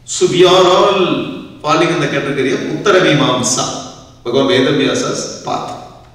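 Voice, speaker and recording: Swami lecturing in a booming echoey hall. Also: male voice, normal speed, fairly bright tone. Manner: explanatory, keeps checking that listeners follow. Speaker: swami teaching scripture. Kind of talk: religious discourse lecture. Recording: echoey hall, far from mic.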